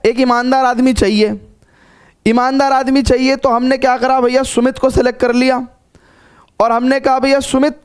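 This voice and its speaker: A man's voice: extremely high pitch, clean tone. A man giving a math lecture to students, repeating phrases and checking in often. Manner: coaxing, repeats phrases with frequent check-ins. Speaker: math teacher. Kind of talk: classroom lecture.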